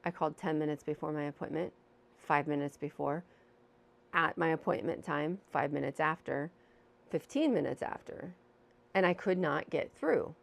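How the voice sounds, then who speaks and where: This woman's voice is low and gravelly, at a normal speed. As a vlogger recording at home on a new microphone with a windscreen, she recounts something personal in a chatty, candid, self-mocking manner while a fan hums in the room.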